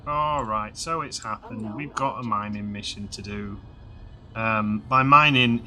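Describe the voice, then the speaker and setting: A man in his thirties, slightly hoarse, rambling casually with lots of fillers while commentating a video game. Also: lowish voice, sharp tone, a little hiss or hum. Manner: rambling, chatty, many fillers and restarts. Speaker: game let's-play host.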